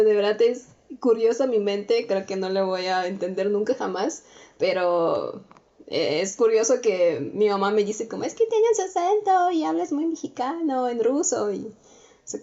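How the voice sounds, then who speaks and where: A woman from Russia, a native Russian speaker, chatting as a podcast guest and telling lively stories with frequent laughs. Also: mid-range voice, normal speed, dull audio. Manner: lively storytelling, laughs often. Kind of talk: casual chat.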